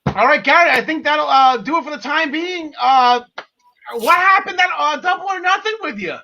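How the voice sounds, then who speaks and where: A man with a very high, bright voice hosts a casual sports podcast. He rambles along enthusiastically in slangy everyday speech. The audio is dull and lo-fi. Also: expressive, moderate pace. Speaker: podcast host. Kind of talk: casual wrestling podcast discussion.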